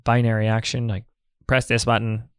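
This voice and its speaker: A man doing a flat, clipped robot voice. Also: medium pitch, normal speed, smooth, no room sound, clean studio sound, pitched below the performer's own voice. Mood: mechanical. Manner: clipped, choppy commands. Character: flat mechanical robot, sex unmarked. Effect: put-on robot voice.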